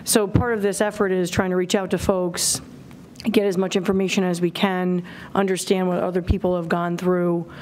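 A middle-aged woman, the town services director, leads a public committee meeting and presents findings plainly and informally, with many fillers. Her medium-pitched, slightly mellow voice is captured on a desk microphone in a town hall auditorium, with a little hiss or hum.

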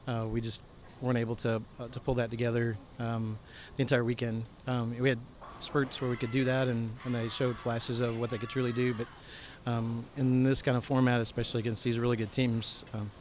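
A middle-aged coach speaks into a handheld mic in a bowling alley after a match. His tone stays flat and he halts on many fillers and restarts, with faint hall noise behind him. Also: medium pitch, a little fast. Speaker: head coach. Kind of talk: post-game interview. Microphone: handheld microphone.

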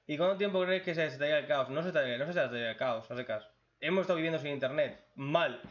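A blunt, joking man from reads out viewer questions and answers them with crude humor in a casual chat. His voice sits a little high for a man. The recording is dull and lo-fi. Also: fast talker, a bit bright.

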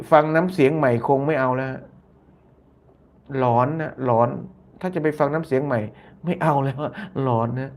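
A YouTube channel host runs a casual live stream, reading viewer comments and mulling them over aloud in a mid-range voice with vocal fry. He circles back on his own phrases and softens his lines with polite particles.

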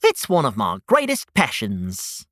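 A chipper gentleman rabbit from a children's story, played by a man. He speaks with formal courtesy and jovial bounce, pitch leaping around in a dry, close recording. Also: wildly swooping pitch, unhurried, dry recording. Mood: musing, enthusiastic. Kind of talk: children's storytime podcast character acting.

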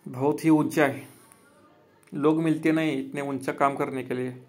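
A solar installer who owns his own business in Maharashtra, India, speaks in a slightly high voice with fairly even intonation and a measured pace. He's filming a walkthrough on an outdoor rooftop with a handheld phone, explaining plainly, repeating points and calling viewers friends.

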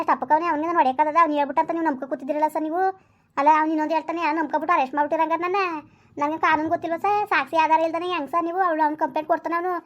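A woman playing a quick-tongued village wife who argues back and curses her husband in a comedy skit. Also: muffled recording, lightly acted. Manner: argumentative, shrill, cursing.

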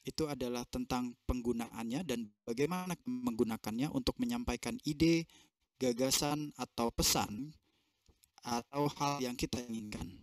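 A man interprets a seminar phrase by phrase over a video call, in a dry, close sound. He fills pauses and corrects himself mid-phrase as he translates. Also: medium pitch, no room sound. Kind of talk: consecutive interpretation.

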